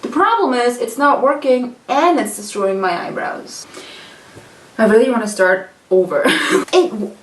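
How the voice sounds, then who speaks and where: A woman's voice: on the high side, animated, a little slow. Exasperated woman ranting in echoey room. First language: German. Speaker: vlogger. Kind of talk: casual vlog rant while doing makeup. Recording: echoey room, mic at a distance.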